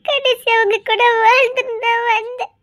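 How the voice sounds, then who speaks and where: A woman voicing a very high, tearful young woman. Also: steady tone, normal speed, fairly bright tone. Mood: desperate confession. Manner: weeping, pleading, laughing through tears. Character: tearful young woman torn between love and a forced mission. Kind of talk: audio drama acting.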